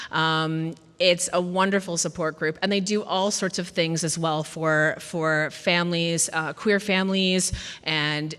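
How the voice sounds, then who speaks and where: A woman's voice: fairly low pitch, a bit bright. A woman with a Canadian accent giving a semi-informal public speech at a podium microphone in a large hall. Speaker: guest speaker. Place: large wood-panelled hall.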